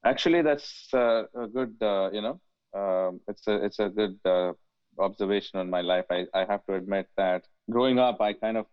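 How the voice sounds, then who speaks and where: Guest, man, 40s, from India; low voice, halting delivery, dry phone-like audio. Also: smooth, no echo. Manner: hesitant, many fillers and restarts. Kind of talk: casual interview conversation.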